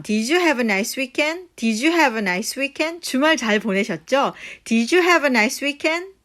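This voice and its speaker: A woman with a fairly high voice leads a phrase drill for learners. She repeats each short expression carefully and then translates it in a fast burst, at a brisk pace overall. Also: a bit bright. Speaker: English teacher and channel host.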